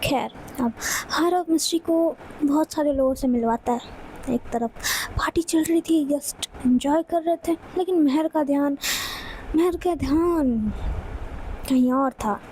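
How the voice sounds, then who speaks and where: A woman's voice: high-pitched, a little slow, mellow, slight background noise, poor audio. A woman narrating a romance audiobook, repeating words for dramatic effect and now and then speaking straight to listeners.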